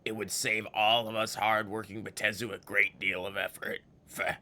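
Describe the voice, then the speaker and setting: A man voicing a bitter, scornful old exiled fiend for a game, with a gravelly, ghoulish voice and theatrical, villainous delivery that savors its words. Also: fairly low pitch, level tone, moderate pace, sharp tone. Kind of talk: dramatic video game character read-aloud.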